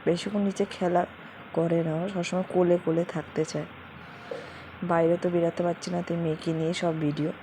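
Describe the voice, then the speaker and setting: A young woman, narrating a home vlog in a quiet, slow, hushed voice. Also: fairly low pitch, level tone. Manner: talks quietly and slowly, keeping her voice down. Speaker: vlogger. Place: home in a leafy rural area. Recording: noisy home recording with ambience.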